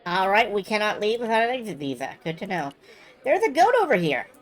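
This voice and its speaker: A woman's voice: mid-range voice, big pitch swings, fairly quick. A woman giving casual live commentary as she streams a video game.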